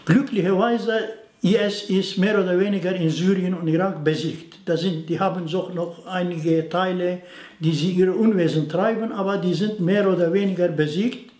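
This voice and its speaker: An older Aramaic-speaking man from near Turkey's border with Syria, interviewed in a study in front of bookshelves, explains things to camera in a halting manner with frequent fillers and non-native grammar. His voice is high-pitched with fairly even intonation and a darkish tone. The recording has a roomy sound.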